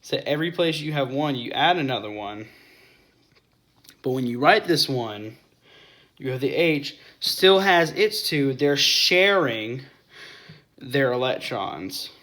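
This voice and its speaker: A man's voice: medium pitch, animated, slow, pauses often, sharp tone. A young man explaining chemistry in a casual whiteboard lesson, often stopping to correct himself and apologize.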